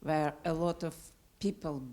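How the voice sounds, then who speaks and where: Older woman from Ukraine, deep hesitant voice. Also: fairly even intonation, measured pace, dark tone. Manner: hesitant, many fillers, non-native grammar. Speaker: audience member asking a question. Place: auditorium at a public event. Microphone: handheld microphone.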